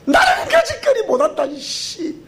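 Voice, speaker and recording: A man's voice: very high-pitched, huge pitch swings, normal speed, fairly bright tone, voice pushed up, heavily acted. A man voicing a feisty old grandmother with a Gyeongsang accent, scolding and laughing about her stubborn husband. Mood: exasperated.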